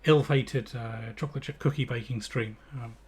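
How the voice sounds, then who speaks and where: A man's voice: mid-range voice, fairly even intonation, moderate pace, vocal fry, darkish tone, husky. An English man hosting a live stream, chatting casually and rambling with lots of fillers and restarts. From England. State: out of breath. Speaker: livestream host.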